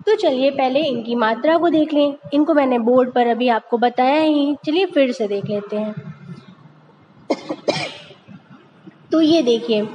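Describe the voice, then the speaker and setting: A woman's voice: high voice, a little mellow, dull audio, a little hiss or hum. A woman teaching young children over pictures, patiently asking questions and answering them herself. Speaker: primary school teacher. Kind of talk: narrated lesson over slides for young children.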